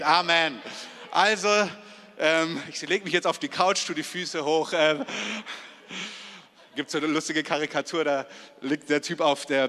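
A man's voice: a little high, sharp tone. A male pastor giving a chatty, confiding sermon, acting out quoted prayers and dialogue to a congregation. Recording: long hall reverb.

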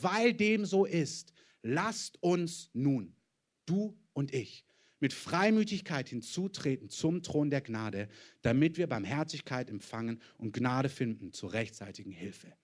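A man preaching a sermon as pastor, swinging between loud declarations and hushed, intimate asides. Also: a little high.

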